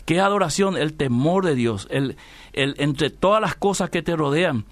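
A man's voice: a little high, lively intonation, normal speed, dry recording. A man teaching about the Bible in a conversation, posing rhetorical questions and answering them himself, often tagging lines with a questioning "right?". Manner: often tags phrases with "¿verdad?" and addresses the interviewer by name. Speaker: preacher guest on a religious talk program.

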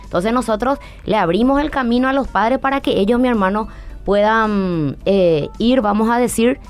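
A woman's voice: on the high side, normal speed, soft background music. A woman psychologist as a guest on a church-interview. She speaks earnestly and preaches, and she keeps calling the listener her brother. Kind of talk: interview on faith and parenting.

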